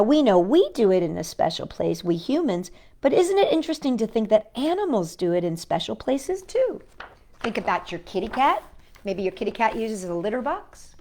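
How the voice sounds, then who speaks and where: In a children's storytime, a woman reads a picture book aloud, chats playfully with the young audience, and frequently asks them questions. Her pitch is fairly high, with a darkish tone.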